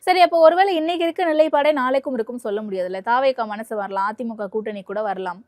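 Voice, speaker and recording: A woman with a high voice interviews a political guest, firing off quick, pointed questions while keeping a respectful address. The recording is dry and close. She keeps pushing him with follow-up challenges. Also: no echo.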